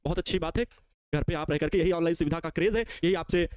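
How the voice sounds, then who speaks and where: A man's voice: fairly high pitch, fast talker, clean tone, dry recording, clean studio sound. A male physics teacher with a Bihari Hindi accent giving a live online lecture, answering questions he voices for the students and coaxing them to repeat after him.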